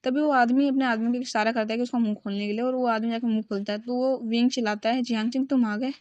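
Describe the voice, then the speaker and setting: A woman's voice: fairly high pitch, fairly even intonation, fast, a little mellow, dry recording. A woman casually retelling a fan story and speaking the characters' lines in her own voice, often stopping to restart. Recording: dry, dull lo-fi recording.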